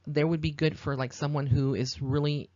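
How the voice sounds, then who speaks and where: Slightly high in pitch with little movement, this man speaks at normal speed in a warm tone, with no echo and the highs cut off. He is a psychic medium podcast host from Texas in the United States, giving an informal, earnest, rambling monologue of lengthy explanations.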